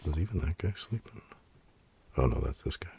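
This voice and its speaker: A man talking in a soft, half-whispered ASMR style close to the mic, musing in relaxed asides as he pages through a comic. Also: rumbling low, a little fast, creaky, heavy background noise. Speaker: ASMR creator. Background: pen and page sounds.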